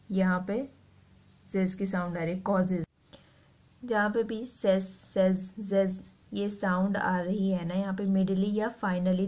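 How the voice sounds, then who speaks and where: A woman teaching shorthand, explaining slowly and repeating each word as she writes it out. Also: medium pitch, a little mellow. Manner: slow, repeats words while writing. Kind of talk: explaining a lesson.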